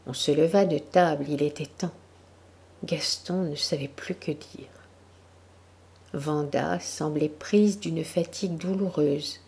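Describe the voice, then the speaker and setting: Slow, low-toned woman reading a story. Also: creaky, darkish tone. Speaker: audiobook narrator. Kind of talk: literary reading.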